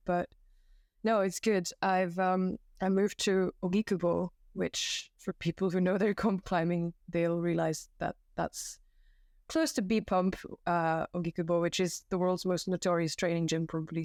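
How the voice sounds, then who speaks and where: Podcast guest: young woman from Belgium, low gravelly voice, chatty and self-deprecating, dry close sound. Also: level tone, moderate pace, a little mellow, no room sound. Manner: chatty, self-deprecating, many fillers and restarts. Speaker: guest, climbing competition volunteer. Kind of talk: casual podcast conversation. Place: floor of a new room at home. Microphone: home setup.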